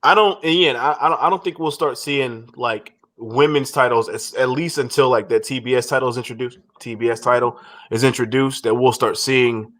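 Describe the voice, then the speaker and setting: On a casual podcast recapping wrestling, a male co-host speaks at a moderate pace in a medium-pitched, slightly bright voice. He rambles through his views, frequently starting over and cursing.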